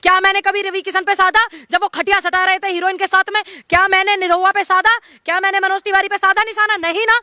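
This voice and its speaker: A woman in a heated argument with reporters, scolding them with rapid-fire questions. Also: very high-pitched, little pitch movement, sharp tone, dry recording. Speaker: interviewee.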